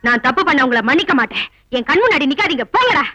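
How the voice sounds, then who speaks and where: Casting: domineering mother, middle-aged, rapid blunt delivery, film comedy-drama, dull soundtrack with music behind. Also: sits high, very animated, bright, forceful tone, heavily acted. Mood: indignant. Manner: blunt, questioning, bossy. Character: stern, suspicious traditional mother of a grown son.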